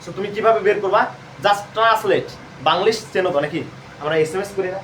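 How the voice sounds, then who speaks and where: A man's voice: sits high, moderate pace, fairly bright tone, distant mic. A man with a Bangladeshi Bengali accent teaching an admission prep lesson live, asking questions and answering them himself. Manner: repetitive quizzing, asks and answers own questions. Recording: roomy echo, voice off-mic, faint hum.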